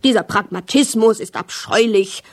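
A woman's voice: mid-range voice, normal speed, natural voice. Woman doing a bellowing fat boss. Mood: scornful. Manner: shouting, contemptuous. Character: bellowing fat male company vice-president, furious.

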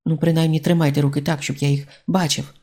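A reader voicing a courteous young male watch captain in an audiobook, calm and earnest even when trouble brews. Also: mid-range voice, fast, lightly acted. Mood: calm, polite. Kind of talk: audiobook character reading.

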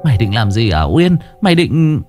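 A man's voice: mid-range voice, big pitch swings, moderate pace, darkish tone, no room sound, soft background music, close to an everyday voice. A man doing a frightened old village woman. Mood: alarmed. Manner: alarmed, scolding. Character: frail old neighbor woman, fearful and scolding.

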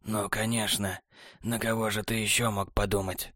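Cold, scornful male traitor, soft and low, contempt in every word, as a male narrator puts him on. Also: level tone, normal speed, dry recording, studio quality. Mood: contemptuous. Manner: low, hushed, sneering delivery.

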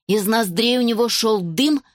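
Expressive woman reading a fairy tale. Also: a little high, normal speed, dry recording, studio quality. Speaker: narrator. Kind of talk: storybook reading.

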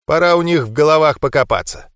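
A man's voice: a little high, fast talker, a bit bright, smooth, no room sound, clean studio sound, lightly acted. A man voicing a cruel, mocking male mentalist villain in an audiobook, taunting his captive. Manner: taunting, jeering.

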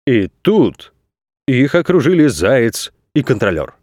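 A man narrating a children's audiobook with expressive, animated storytelling. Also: medium pitch, takes it slowly, no echo, studio quality.

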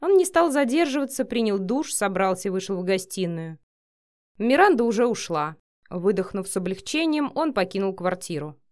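A woman narrating a romance audiobook in an expressive, even storytelling manner. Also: medium pitch, normal speed.

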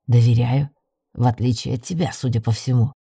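A young werewolf man from an audiobook, gruff and wary, as a woman puts him on. He talks blunt and skeptical in a low, dark voice. It is a dry recording. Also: steady tone, brisk, dry recording, full character voice. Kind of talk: audiobook narration.

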